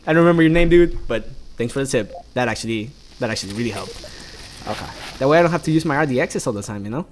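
A man's voice: medium pitch, expressive, fast talker, slight background noise. A young man from South America giving jokey, rambling let's play commentary while he plays. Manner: rambling, jokey, talks to himself.

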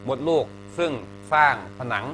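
Bright-voiced male teacher lecturing. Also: normal speed, slight background noise. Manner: chatty, asks students questions, jokes. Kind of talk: classroom health lecture.

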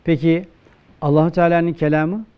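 A religious teacher with a Turkish accent gives a classroom grammar lecture, posing questions and answering them himself, and slowing down for emphatic quotations of texts. His voice is a little high with a level, clean tone, though the audio sounds dull.

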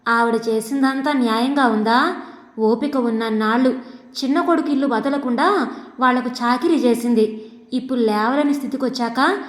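A sharp-tongued, quarrelsome middle-aged housewife, read by a woman storyteller, taunting and scolding in a fairly high voice. The sound rings in an echoey room with a long trailing reverb, like a storybook reading. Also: moderate pace, natural voice. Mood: sarcastic.

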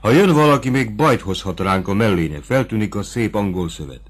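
A man reading an audiobook, voicing a kind, caring innkeeper's wife in a raised, gentle voice. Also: lowish voice, animated, husky. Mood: worried. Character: kind, warm-hearted innkeeper's wife, adult woman.

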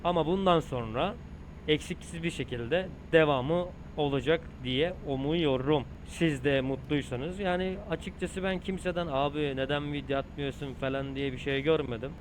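A young man talks to his viewers while he plays a driving game. His voice sits a little high, and he swears and jokes as he goes. Faint engine hum runs underneath. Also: normal speed. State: tired and hot. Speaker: gaming streamer. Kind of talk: casual gameplay commentary.

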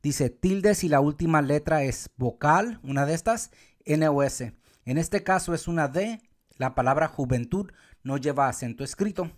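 A man teaching Spanish accent rules step by step, sometimes calling out words loudly to show where the stress falls. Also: on the high side, animated. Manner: calls out words loudly to show the stressed syllable, counts syllables slowly. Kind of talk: explaining accent marks step by step.

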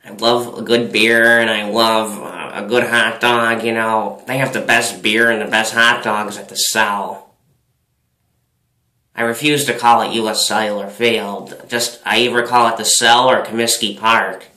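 A man voicing a loud older baseball fan who sounds drunk, rambling slowly and repeating himself. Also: lowish voice, level tone, reverberant, low-quality recording. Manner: rambling, repetitive, drawn-out talk.

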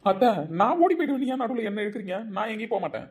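A woman's voice: a little high, lively intonation, rapid-fire, natural voice. A woman voicing an earnest, curious young village man in a cartoon, eager and questioning. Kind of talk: cartoon voice acting.

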